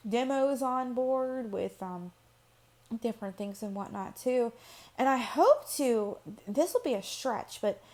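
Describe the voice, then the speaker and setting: A woman runs her own channel and talks to the camera in a casual, personal vlog style, wandering off with fillers and restarts. Her voice is a little high with a darkish tone.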